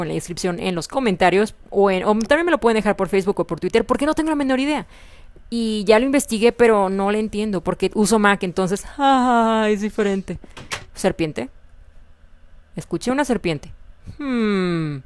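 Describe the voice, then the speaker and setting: Chatty woman with a Mexican Spanish accent. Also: medium pitch. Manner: chatty, excitable, repeats herself, frequent laughs. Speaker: gaming video host. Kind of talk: casual gameplay commentary.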